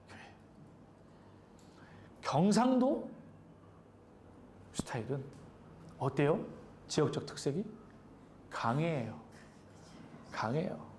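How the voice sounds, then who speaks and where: A man's voice: fairly high pitch, a little hiss or hum. A male pastor preaching a sermon in a conversational way, asking the congregation questions. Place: church sanctuary.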